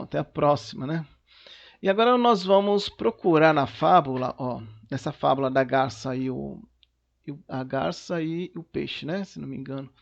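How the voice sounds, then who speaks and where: Gravelly teacher man explaining a lesson. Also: on the high side, highs cut off. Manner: patient explaining with frequent "né" and "tá". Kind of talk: recorded remote class lesson. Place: home.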